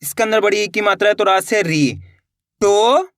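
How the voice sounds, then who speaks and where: A man teaching beginners to read, sounding out words slowly syllable by syllable and answering his own questions. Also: sits high, fairly bright tone, no echo, clean studio sound. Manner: slow, patient syllable-by-syllable sounding out; asks the viewer questions and answers them himself. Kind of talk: reading lesson for beginners.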